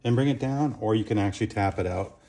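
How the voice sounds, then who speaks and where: A man's voice: lowish voice, quick pace, vocal fry, heavy background noise. A man giving a plain, step-by-step demonstration of a workshop tool in a small concrete booth, on a camera mic. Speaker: product demonstrator.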